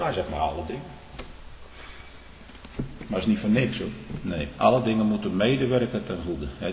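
Fervent preacher in an echoey hall. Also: male voice, fairly low pitch, distant mic. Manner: fervent, rising to loud exclamations, with frequent "hè?" and "hm?" tags. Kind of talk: sermon. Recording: echoey hall with faint hiss.

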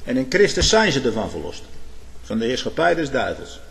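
A man's voice: big pitch swings, brisk, gravelly. A man preaching a sermon, swelling emphatically on key words and turning to his listeners with short asides. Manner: emphatic preaching with sudden swells in loudness and pitch; addresses listeners with "hoor" and "hm?".

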